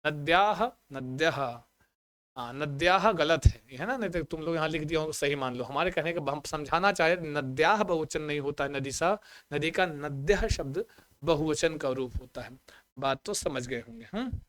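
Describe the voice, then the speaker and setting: A man teaching a Sanskrit exam-prep lesson online, chanting word forms slowly and coaxing his students with questions he answers himself. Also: fairly high pitch, a bit bright, no echo. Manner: asks the class questions and answers them himself.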